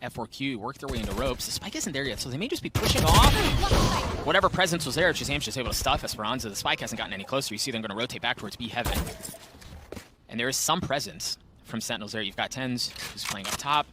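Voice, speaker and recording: A man working as an esports caster, calling a match with fast, excited play-by-play that moves between tense tracking and shouted calls. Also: medium pitch, very noisy. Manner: animated, swings from hushed tracking to shouted calls.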